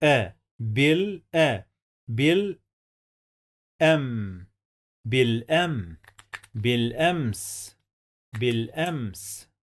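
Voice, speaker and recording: An Egyptian man with a mid-range voice gives a dictation lesson. He dictates extremely slowly and deliberately, sounding out syllables and repeating each word as a literacy teacher. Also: mid-range voice, very animated.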